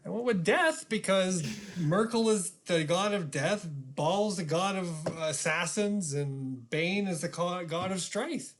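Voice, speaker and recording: A man playing a tabletop game, narrating his character's actions in an animated way. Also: sits high, slow pace, few pauses. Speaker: player.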